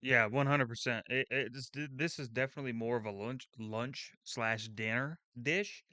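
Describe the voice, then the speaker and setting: A man's voice: medium pitch, moderate pace, pushed and bright, no room sound. A young man hosting his channel, reacting to a food video in casual, blunt commentary, swearing freely and thinking aloud with restarts.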